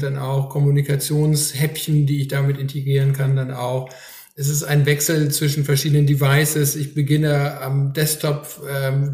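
A man on an expert jury, explaining a topic in a podcast panel discussion in a measured way, with frequent hesitation fillers. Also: on the high side, darkish tone. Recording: roomy echoey recording.

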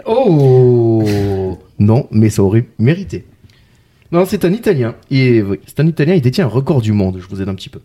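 A man's voice: mid-range voice, sing-song, normal speed, mellow. A man hosting a casual podcast, introducing guests with playful puns and wordplay. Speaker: podcast host. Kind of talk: casual chat.

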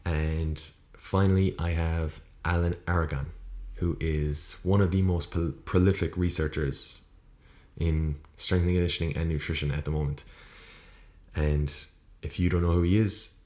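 A man's voice: low voice, fairly even intonation, unhurried, mellow. A young Irish man hosting a solo podcast in a casual, rambling, sweary way, recorded on a podcast microphone in an echoey room. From Ireland. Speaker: podcast host. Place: small room, indoors. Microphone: USB podcast microphone. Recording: echoey room with poor acoustics.

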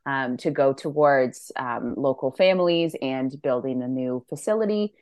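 A woman's voice: very deep voice, moderate pace, a little mellow, dry recording, studio quality. A bubbly woman on a grainy video call, a dietitian chatting as a guest while short on sleep. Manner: bubbly, laughs often. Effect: grainy video-call audio. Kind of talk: casual chat.

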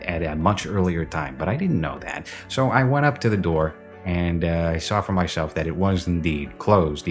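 A low-voiced man hosts a casual film review podcast, rambling, correcting himself and airing strong opinions. His voice rings with reverb from an empty basement. Faint music sits underneath. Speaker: podcast host.

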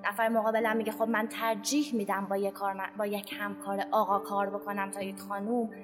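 A woman reflecting calmly on her own experience in a round-table podcast, pausing with fillers. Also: mid-range voice, in a large hall, over music. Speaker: podcast guest.

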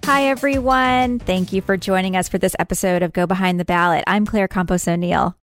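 A woman hosts a podcast, opening with a chatty intro and interview in an informal, self-deprecating style. Her voice is on the low side and steady, a little fast, with no echo and soft music playing in the background.

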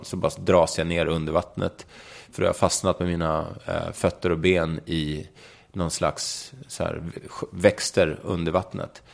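Deep gravelly young man telling a story. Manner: frank, swears casually, vivid retelling. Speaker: guest. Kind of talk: candid interview storytelling.

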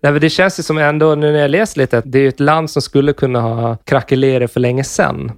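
A man's voice: medium pitch, no echo, clean studio sound. Man casually explaining history. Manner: explanatory, relaxed, swears casually. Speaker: podcast co-host explaining history. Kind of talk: casual podcast chat.

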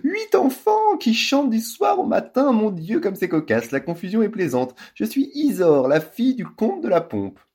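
A girl in a children's storybook fakes the voice of a grand society lady, all affected and theatrical, as a man reading it puts her on. The voice sits far above a man's own and sweeps up and down. A husky grain stays underneath. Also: high-pitched, wildly swooping pitch, normal speed, few pauses, darkish tone, pitched above the performer's own voice, full character voice. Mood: mock posh. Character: girl putting on a posh high-society lady voice.

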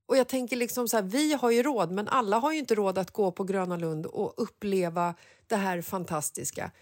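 A woman in her forties, a podcast host, telling a personal story in a casual, emotional, animated way. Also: mid-range voice, dry recording, clean studio sound. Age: 40s.

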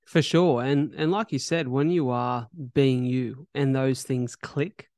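A man's voice: mid-range voice, fairly even intonation, slow pace, darkish tone, no room sound. An Australian man hosting a podcast, chatting casually and enthusiastically with a sweary, affirming manner into a close microphone. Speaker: podcast host.

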